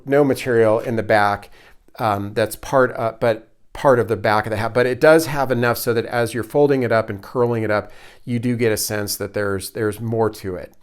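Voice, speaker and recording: A man with a smooth, clear voice at a medium pitch talks casually through a hobby build. He speaks off the cuff as a presenter, pausing to think and gently putting himself down as he explains. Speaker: hobby prop maker, presenter. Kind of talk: casual unscripted show-and-tell explanation.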